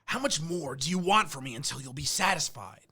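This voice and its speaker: A man's voice: on the high side, lively intonation, a little fast, a crowd in the background, pitched above the performer's own voice. A man reading as a weary, defiant young fighter. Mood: exasperated. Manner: bitter, exasperated.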